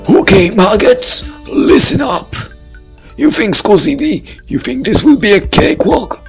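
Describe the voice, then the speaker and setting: A man voicing a blustery male history teacher who barks orders like a drill sergeant, shouting high and loud. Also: very animated, measured pace, breathy edge, faint music behind, full character voice. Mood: bellowing.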